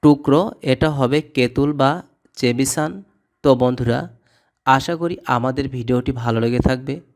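Man drilling vocabulary in a steady voice. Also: mid-range voice, a little slow. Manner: repeats each word and its meaning in a steady drill. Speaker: language tutor. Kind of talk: scripted vocabulary lesson.

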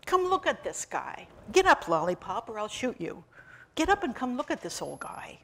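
A woman's voice: fairly high pitch, sing-song, moderate pace, voice pushed up, exaggerated voice. A woman voicing a tough, bossy woman bank robber who barks orders and threats. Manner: brash, shouting threats.

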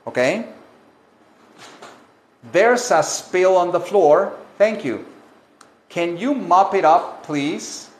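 Slow, patient male English teacher. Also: high-pitched, expressive. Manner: repeats phrases slowly, explains in Spanish. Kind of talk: bilingual language lesson. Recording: echoey room.

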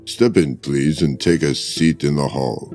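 A man's voice: extremely low pitch, a little slow, darkish tone, pitched below the performer's own voice. A man voicing a stiff, curt butler of a rich house, talking in clipped, dismissive lists over faint music.

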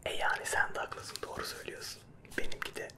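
Male ASMR creator, whispers softly and quietly for late-night listening, playful game chat. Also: fast. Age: 30s. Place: small dim room at a desk, indoors. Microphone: close microphone with furry windscreen.

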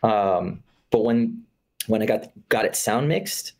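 A man's voice: lowish voice, animated, slow pace, gravelly, a crowd in the background. A man in his thirties from Florida, a guest filmmaker talking casually over a video call, laid-back and full of fillers. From Florida, USA. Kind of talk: casual conversation. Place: room with curtained window.

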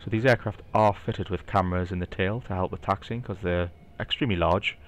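A flight simulator video maker with a Geordie accent talks casually through a gameplay session, explaining each step and thinking aloud. His deep voice moves a little fast, relaxed and explanatory, with light asides tossed in.

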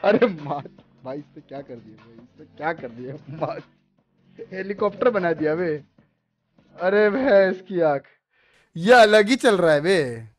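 A man's voice: high voice, expressive, unhurried, dry recording, soft background music. A young man from India reacting to memes, swearing and laughing in casual slang. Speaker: meme reviewer. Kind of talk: casual meme reaction commentary.

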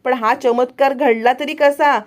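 A woman voicing a sharp-tongued young woman who bickers and snaps back. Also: high voice, fairly even intonation, measured pace. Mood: lively. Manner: indignant, bickering.

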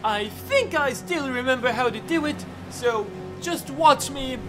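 A man voicing a bumbling, boastful ship captain in a comedy machinima, talking in an excitable, rambling way and breaking into yelps. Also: very high voice, measured pace, over music. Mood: blustering.

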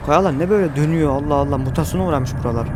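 A man with a high voice reacts loudly to a driving game, exclaiming and cursing at every mishap. His speech is a bit thick from a numbing dental injection, and a faint hum sits behind him. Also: rapid-fire. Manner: excitable, swears and exclaims at the game. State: numb mouth after dental injection. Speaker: gaming streamer. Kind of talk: casual gameplay commentary.

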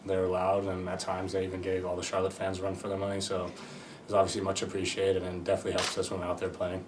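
A young adult man, a goalkeeper, answering press questions quickly and simply in an indoor press room. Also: low-pitched, far from the mic, background noise. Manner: quick, monotone, simple phrasing. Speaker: goalkeeper player. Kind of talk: postgame press conference answers.

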